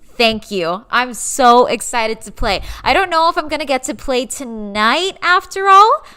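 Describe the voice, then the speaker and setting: A young woman streaming casually, excitable and swearing freely while chatting with viewers. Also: high-pitched, measured pace, clear, resonant tone. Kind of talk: casual livestream chat.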